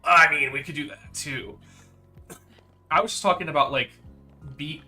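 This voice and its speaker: A man's voice: fairly high pitch, moderate pace, pushed and bright, faint music behind. A young man chatting casually on a gaming stream, rambling and teasing his friend, full of fillers and restarts.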